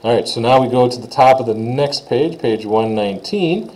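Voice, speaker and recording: A man's voice: mid-range voice, lively intonation, moderate pace, a little mellow, rough recording. A man teaching a casual recorded French lesson, talking informally with frequent "uh" fillers.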